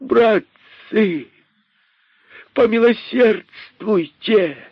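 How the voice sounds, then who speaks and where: A man's voice: measured pace, dry recording. A man voicing a frightened male rabbit who begs and repents, in a radio story reading. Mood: pleading. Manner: high-pitched, begging. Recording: dull, dry radio recording.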